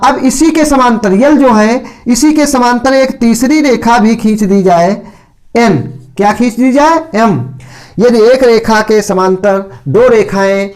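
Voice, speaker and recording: A man teaching a school maths lesson, asking his own questions and answering them step by step. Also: extremely high pitch. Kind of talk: classroom lecture to school pupils.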